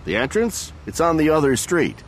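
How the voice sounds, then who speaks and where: A brusque male parking attendant, put on by a man in a story reading who barks directions loudly and fast. His pitch leaps all over the place. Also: big pitch swings, a little hiss or hum.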